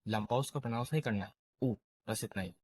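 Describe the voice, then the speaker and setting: A man's voice: fairly low pitch, racing, a little mellow, husky, no echo. A man teaching a beginner language lesson, saying each example word and its meaning twice. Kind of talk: slow spoken lesson.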